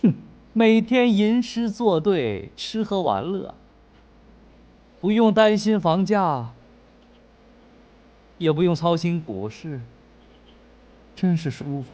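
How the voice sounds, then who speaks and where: A cocky, smug young schemer. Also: male voice, high voice, sing-song, takes it slowly, pauses often, a little mellow, dull audio, exaggerated voice. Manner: boastful, smug. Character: cocky modern young man stuck in ancient-times game. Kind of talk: TV comedy drama acting.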